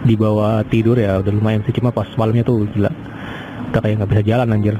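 A man's voice: on the low side, flat delivery, quick pace, muffled recording. Rambling young man, traffic noise behind. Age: 20s. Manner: rambling, hesitant, many fillers and restarts. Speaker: podcaster. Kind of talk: casual personal monologue.

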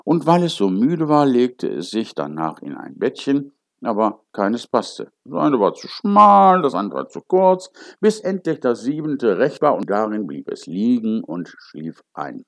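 A man reading a fairy tale aloud as a storyteller, with an expressive, lively delivery. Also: medium pitch, measured pace, no room sound, clean studio sound.

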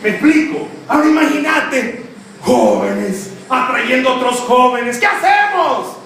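A man's voice: very high voice, sing-song, a little slow, distant mic, background noise. A young man, preaching a humorous youth sermon, teasing the crowd and acting out quotes. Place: church. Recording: echoey church hall, preacher off-mic, crowd behind.

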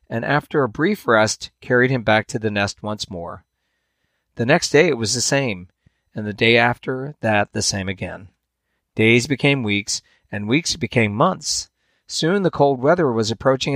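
A man hosting a podcast, reading a fable aloud in a measured storytelling way, with dramatic swings in pitch and loudness. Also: dry recording, studio quality. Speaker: podcast host.

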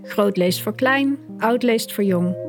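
A woman reading a scripted program introduction in a calm, measured way. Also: mid-range voice. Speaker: program voice-over. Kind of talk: scripted narration. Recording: voice-over with music bed. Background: plucked guitar music.

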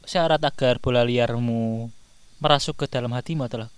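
A young man with an East Javanese accent is co-hosting a casual podcast, teasing his friend and lecturing him half in jest. His voice sits at a middle pitch. It is recorded close and dry, with no room echo. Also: moderate pace, clear, resonant tone. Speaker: podcast co-host.

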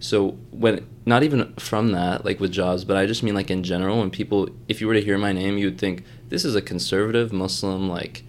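A young man from Egypt guests on a podcast, his voice sitting fairly low. He chats loosely, fills his sentences with "like" and breaks into quick laughs. A faint hum of noise sits under the recording. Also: fairly even intonation. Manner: chatty, heavy use of "like", quick laughs. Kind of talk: casual conversation.

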